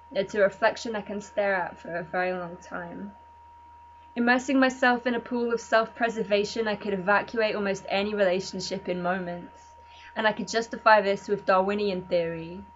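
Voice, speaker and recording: A woman performing her own spoken word poetry in a measured, deadpan delivery. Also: medium pitch. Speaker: poet. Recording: muffled lo-fi recording with faint hum.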